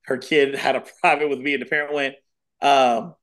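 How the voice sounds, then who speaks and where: A man in his thirties, a dance acrobatics coach chatting as a podcast guest, telling stories with animated energy and repeating phrases for emphasis. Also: medium pitch, moderate pace. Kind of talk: casual interview chat.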